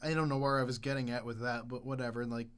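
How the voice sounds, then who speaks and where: A man's voice: medium pitch, fairly even intonation, racing, a bit bright, clear, resonant tone. A young man co-hosting a podcast in casual chat, jokey and easily sidetracked. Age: young adult. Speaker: podcast co-host.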